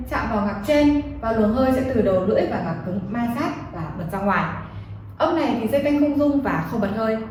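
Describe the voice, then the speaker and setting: A woman teaching Chinese pronunciation, explaining slowly and clearly and repeating model syllables for learners to copy. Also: a little high, darkish tone. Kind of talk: pronunciation lesson. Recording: very echoey room, faint noise.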